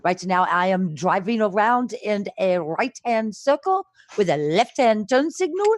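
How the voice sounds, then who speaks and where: A woman's voice: medium pitch, natural voice. A woman playing a contented bear getaway driver, whimsically narrating in a tabletop game.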